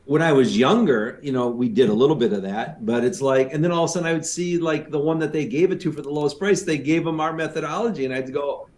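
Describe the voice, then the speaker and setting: A man co-hosting a business podcast, chatting casually with lots of fillers and quick agreeing replies. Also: on the high side, a little mellow. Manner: conversational, many fillers, affirming "yeah". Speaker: podcast co-host, consultant.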